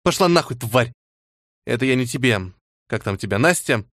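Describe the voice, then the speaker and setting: A man's voice: medium pitch, expressive, normal speed, a bit bright, no room sound, studio quality. A man reading an audiobook and voicing a fierce, bitter teenage girl who swears harshly. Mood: scornful.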